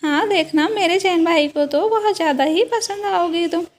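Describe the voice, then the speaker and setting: A woman's voice: very high-pitched, normal speed, a little hiss or hum. A woman doing an eager, chatty young sister-in-law. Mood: cheerful. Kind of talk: doll story role-play.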